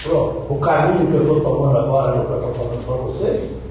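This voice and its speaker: A man's voice: mid-range voice, fairly quick, dark tone. An older man with an interior São Paulo Brazilian accent gives an emphatic motivational talk, repeating phrases and asking rhetorical questions. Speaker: radio broadcaster giving a talk. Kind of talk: motivational public speech with personal anecdotes. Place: echoey room at a speaking event. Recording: echoey hall, distant mic, faint noise.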